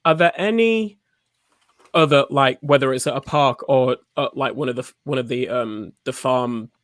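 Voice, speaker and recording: A man co-hosts a podcast, working his way through a question in stops and starts and repeating words as he goes. His pitch is middling, recorded close and dry. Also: fairly bright tone, dry recording. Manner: halting, repeats himself while forming questions. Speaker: podcast co-host. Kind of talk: casual chat.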